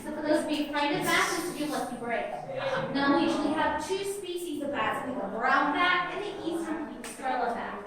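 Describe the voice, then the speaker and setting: Female cave guide, high voice, addressing a tour group; heavy cave echo, picked up from a distance. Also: expressive, brisk, crowd noise. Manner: explanatory, addressing visitors directly. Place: inside a cavern. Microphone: distant microphone of a visitor's recorder. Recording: echoing cave, voice far from mic.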